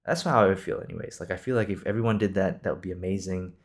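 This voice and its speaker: Speaking fast in a low-pitched voice, this podcast host is a man in his twenties from Singapore. His improvised show has a casual, conversational feel, and he comes across as reassuring and encouraging.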